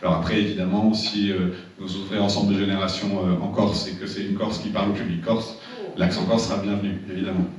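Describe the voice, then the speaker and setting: Guy teaching public speaking at a seminar, lowish voice, lots of restarts, mic far off in a big echoey room. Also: little pitch movement, fast talker. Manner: many repeated words and restarts. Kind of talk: seminar talk to a live audience. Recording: echoey room, distant mic, dull sound.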